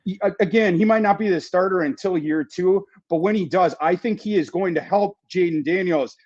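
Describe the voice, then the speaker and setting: A man giving fantasy football analysis in a casual podcast chat, talking quickly and restarting his sentences. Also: sits high, darkish tone, muffled recording. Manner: fast, repeats words and restarts often.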